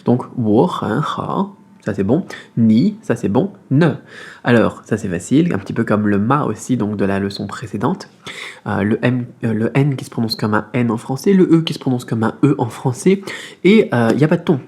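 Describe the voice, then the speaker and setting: A man with a slightly husky, breathy voice and an ordinary middle pitch teaches a casual beginner Mandarin lesson. He explains in a friendly, unhurried way, sounding out syllables slowly and filling pauses as he goes. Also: lively intonation, darkish tone.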